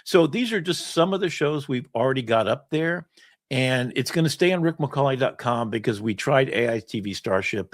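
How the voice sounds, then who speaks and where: Lively laughing male show host. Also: medium pitch, no room sound, studio quality. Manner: animated, laughs often. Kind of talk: casual livestream chat.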